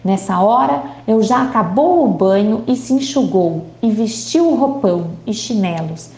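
A woman's voice: medium pitch, lively intonation, normal speed, darkish tone, roomy sound, slight background noise, lightly acted. A woman reading as a boy telling a wild dream. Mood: dreamy. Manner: broken childlike grammar, storytelling. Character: young boy telling his dream, childish grammar.

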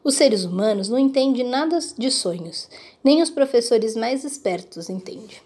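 A woman voicing a big gentle male giant in a storybook reading, soft and mild. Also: on the high side, expressive, normal speed, husky.

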